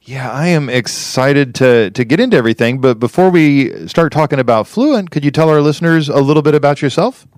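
A man's voice: on the high side, animated, brisk, few pauses, darkish tone, dry recording, studio quality. A man hosting an interview podcast, talking with enthusiasm and often repeating words as he restarts. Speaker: podcast host.

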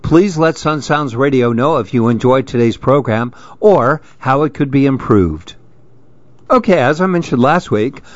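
A man's voice: mid-range voice, no echo. A man hosting a radio reading program, reading magazine articles aloud. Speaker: radio reading-service host. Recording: dull, lo-fi radio recording.

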